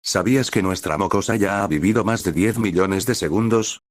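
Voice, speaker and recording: A man's voice: fairly low pitch, moderate pace, no echo, clean studio sound, natural voice. A man voicing a cocky young male scientist and doting father, smug and precise, in a storybook reading.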